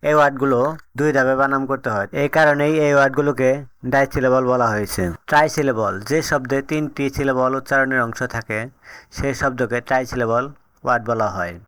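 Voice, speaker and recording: Male narrator for a beginner lesson: mid pitch, smooth and clear, steady explanatory read. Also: no echo. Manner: steady, explanatory reading of definitions and examples. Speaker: English teacher. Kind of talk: scripted teaching narration.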